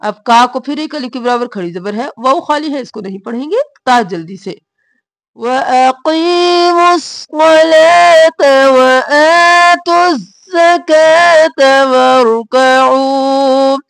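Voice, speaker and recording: A woman teaching Quran recitation, chanting verses in long drawn-out tones and then explaining the pronunciation in quick spoken asides. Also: a little high, expressive, no room sound.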